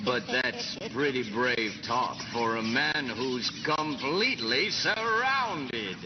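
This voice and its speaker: Slow, pompous villainous rat. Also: male voice, medium pitch, very animated. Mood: smug, menacing. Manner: pompous, menacing, drawn-out. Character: gloating, theatrical villainous rat leader, male. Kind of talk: theatrical video game villain acting, partly sung. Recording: echoey, dull game audio under music.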